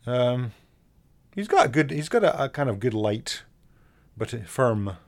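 A man's voice: medium pitch, big pitch swings, a little slow. A Scottish man, a comic artist co-hosting a podcast, chatting casually and rambling with many fillers and restarts. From Scotland. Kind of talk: casual chat.

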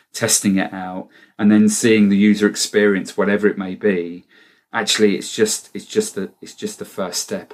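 A man hosting a panel chat, musing reflectively and hedging his points before passing to the others. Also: lowish voice. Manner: reflective, hedging, with many fillers and restarts.

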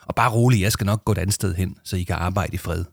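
A man's voice: sits low, creaky, husky, no room sound, studio quality, heavily acted. A man reading a storybook aloud, voicing an easygoing, reassuring father. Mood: friendly. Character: calm, patient middle-aged father.

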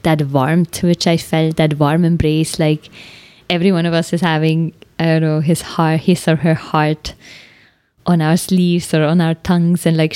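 A podcast host with a low, mellow voice muses in a reflective personal monologue, thoughtful and searching, dropping "like" again and again. She's a native Swiss German speaker, and there's no echo on the recording.

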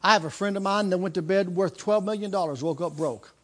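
High-voiced preaching man in his fifties. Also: fairly quick, a bit bright. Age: 50s. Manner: impassioned preaching with repeated phrases and restarts. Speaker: pastor. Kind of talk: sermon.

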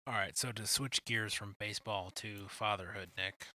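Bright-voiced young man hosting a chat. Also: fairly low pitch, fairly even intonation, normal speed. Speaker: podcast host. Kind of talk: casual chat.

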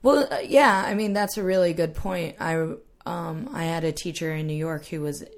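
A woman's voice: fairly low pitch, moderate pace, vocal fry. Chatty woman podcast host in her thirties. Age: 30s. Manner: chatty, laughs often, many fillers. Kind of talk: casual interview chat.

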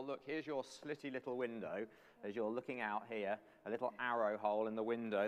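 Animated male preacher in a reverberant hall. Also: medium pitch, clean tone. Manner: animated storytelling, addresses listeners directly. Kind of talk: sermon. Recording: long church hall reverb.

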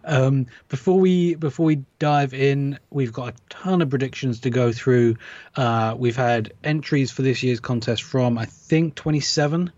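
A man co-hosts a relaxed podcast chat, chuckling and starting his sentences over. His voice reaches us through a low-quality stream with a dull, muffled top end. He sits at a middle pitch. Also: unhurried, no room sound. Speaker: podcast co-host.

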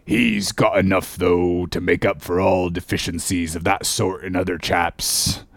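An actor playing a ragged, ominous old sailor who talks in cryptic warnings and sometimes bursts out shouting. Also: male voice, low voice, little pitch movement, unhurried, no room sound, clean studio sound. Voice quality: gravelly, growling. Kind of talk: audiobook drama acting.

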